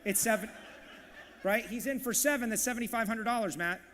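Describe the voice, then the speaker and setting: A man working as auctioneer and emcee at a live charity event, calling bids in a rapid, punchy, hyped way. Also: high-pitched, fairly bright tone, big-room sound. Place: large banquet hall, live audience.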